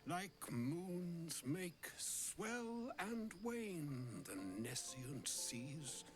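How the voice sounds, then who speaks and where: An actor playing a grave old wizard in a fantasy game, speaking in solemn, theatrical, archaic phrases. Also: male voice, a little high, sing-song, extremely slow, full character voice. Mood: poetic, stately. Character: grave, ornate-tongued old male wizard bearing a divine charge. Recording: music bed under the voice.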